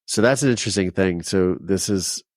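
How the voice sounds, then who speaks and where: A man's voice: sits low, moderate pace, no room sound, studio quality. A man from Ohio, a documentary filmmaker, telling his personal story as a podcast guest, heartfelt and rambling with many restarts. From Ohio, United States.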